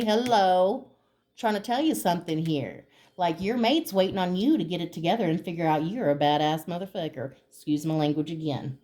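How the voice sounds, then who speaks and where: A low, warm female voice delivers a pick-a-card tarot reading straight to the viewer. She is emphatic and excitable, hyping the listener up with encouragement and casual cussing.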